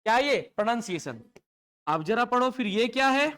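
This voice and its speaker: A man's voice: very high-pitched, lively intonation, moderate pace, sharp tone, clean tone. A male teacher with a Chhattisgarh Hindi accent gives a live online English class. He drills pronunciation and keeps asking the students to answer him and repeat after him.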